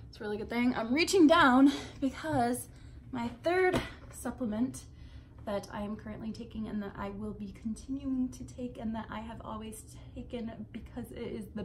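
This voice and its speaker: A young adult woman vlogs from her bedroom in a fairly high voice, chatting to camera in an informal, rambling way with swearing and asides. The background is noisy.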